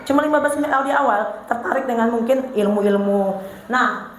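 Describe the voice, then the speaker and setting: A high-pitched, middle-aged woman with a Banjar accent speaks at a parenting seminar, telling humorous stories and playing every part with animation. Her voice rings through a very reverberant hall with a faint hiss underneath. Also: moderate pace. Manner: animated, acts out her husband and herself in funny anecdotes. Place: large hall with an audience. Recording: very echoey hall, faint noise.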